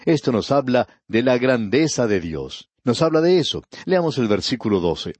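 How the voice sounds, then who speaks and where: Slow, husky-voiced male radio Bible teacher. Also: mid-range voice, sing-song, darkish tone, no room sound. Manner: reads scripture slowly and deliberately; addresses the listener directly.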